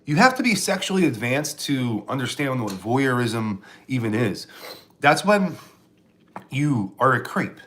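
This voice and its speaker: A man's voice: mid-range voice, big pitch swings, a little slow, a bit bright. Rambling sarcastic man streaming live. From Pennsylvania, US. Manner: rambling, sarcastic, answering chat with restarts. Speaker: live streamer and stand-up comedian. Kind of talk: casual live-stream chat.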